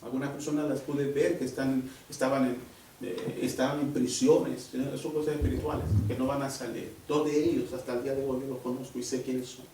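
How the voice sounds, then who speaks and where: A man preaching a sermon at church, emphatic and animated, often dropping into a hushed voice as he tells a personal testimony. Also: medium pitch, a little fast, slight background noise. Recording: very echoey church hall from far off.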